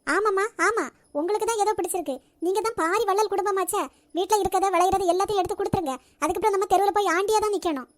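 A woman voicing a sharp-tongued, grasping middle-aged housewife in a cartoon, with a Nagercoil Tamil accent and a sarcastic, complaining manner. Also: extremely high pitch, very fast, no echo. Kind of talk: cartoon voice acting.

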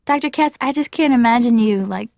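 Dry, unimpressed animated-sitcom receptionist, dull dry recording. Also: female voice, fairly high pitch, brisk, gravelly, no room sound. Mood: deadpan. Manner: dry, deadpan, easily grossed out. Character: young woman receptionist, flat and unimpressed.

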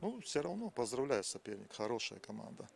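A man in his fifties, a football coach, giving plain, halting, repetitive post-match answers outdoors into a handheld microphone. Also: medium pitch, sing-song, gravelly, a little hiss or hum. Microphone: interviewer's handheld microphone.

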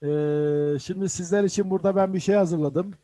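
A man with a Turkish accent teaching vocabulary in an online lesson, slowly repeating each word several times for learners. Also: sits high, steady tone, mellow, dry recording. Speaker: language teacher.

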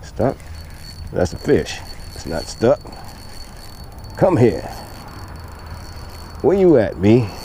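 A man filming himself fishing from a lakeshore with a head-mounted camera, talking excitedly to the fish as he reels them in. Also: medium pitch, extremely slow, long pauses, slight background noise. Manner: talks to the fish while reeling. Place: outdoors on a lakeshore. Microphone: head-mounted action camera.

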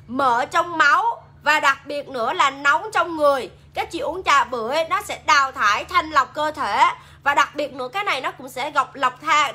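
A high, bright, forceful female voice drives a casual live sales stream. The host speaks with a Southern Vietnamese accent, chatting, reading out comments from viewers and pushing what she's selling.

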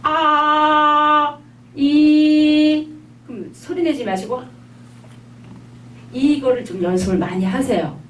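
A woman lecturing in an online class, patient and repetitive, stopping to model drawn-out sounds. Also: fairly high pitch, lively intonation, dark tone, far from the mic. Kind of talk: online lifelong-learning lecture. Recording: echoey room, voice off-mic, faint hum.

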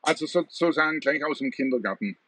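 A man's voice: fairly high pitch, lively intonation, fairly quick, pushed and bright, dry recording, far from the mic, poor audio. A middle-aged man hosting an interview over a video call, chatty with many fillers. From southern Germany. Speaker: talk show host. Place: room at home with plants.

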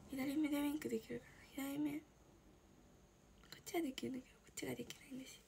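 An 18-year-old idol livestreamer from Shizuoka, Japan, chats casually and answers viewer comments, often slipping into a soft, breathy whisper. Her high-sitting voice stays steady while she talks at a racing pace over a noisy background.

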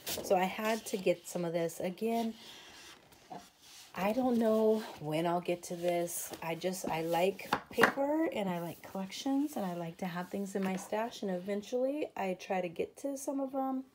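A woman's voice: mid-range voice, measured pace, noisy background. A woman showing off her craft supply haul in a casual video, gushing over each item and saying she is tired. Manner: gushing, breathless exclamations. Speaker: craft vlogger.

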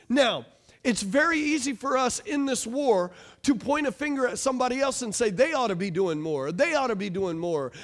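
Male pastor, 30s, very high voice, energetic stage preaching. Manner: animated, call-and-response preaching, pacing the stage. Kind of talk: sermon. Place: church stage, large room.

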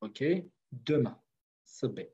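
Slow, patient man teaching online. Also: mid-range voice, warm tone. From northern Kurdistan. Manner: patient, repeats words slowly for students. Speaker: language teacher. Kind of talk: online class. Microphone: video call. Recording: dull lo-fi online call audio.

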